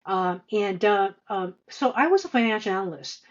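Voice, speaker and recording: A woman who is a senior finance executive answers podcast interview questions about her career, speaking haltingly with frequent stammered repeats and long runs of filler. Her medium-pitched voice has lively intonation, though the audio is dull.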